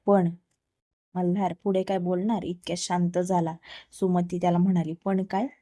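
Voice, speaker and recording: A woman narrating a romance story in a calm, measured reading. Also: on the low side, no room sound, studio quality.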